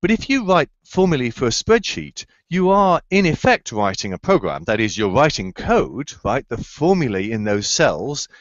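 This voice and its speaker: A man's voice: medium pitch, very animated, moderate pace, few pauses, dry recording. A man on a video call, a researcher answering students' questions enthusiastically, often searching for words with fillers and restarts. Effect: heard over a video call. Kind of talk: explanatory answers in a remote Q&A. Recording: slightly dull, dry video-call audio.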